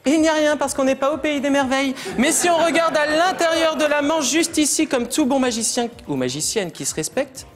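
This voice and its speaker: A man's voice: extremely high pitch, lively intonation, fairly quick, few pauses, music in the background. A man performing as a stage magician, joking and teasing his volunteers with playful patter in a TV studio. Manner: teasing, playful, laughs often.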